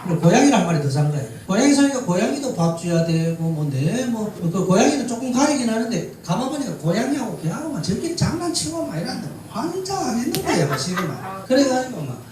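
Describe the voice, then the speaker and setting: A man telling folk tales and life lessons to older women in a lively, chatty way. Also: extremely high pitch, fast, hardly any pauses. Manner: lively, chatty, animated retelling. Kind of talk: folk-tale storytelling talk. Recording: echoey room, distant mic, faint hiss.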